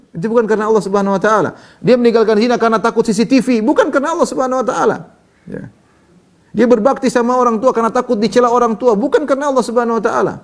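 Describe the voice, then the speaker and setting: A man preaching a religious lecture, reciting Arabic and then explaining it in lively storytelling, moving between soft low asides and raised emphatic lines. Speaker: Islamic preacher.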